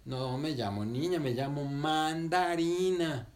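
A man voicing an outspoken little girl in a children's story, speaking high, loud and insistent. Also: takes it slowly.

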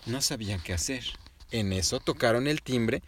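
A man telling a child an improvised bedtime story, gently and animatedly addressing the listener. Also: mid-range voice, normal speed, slight background noise.

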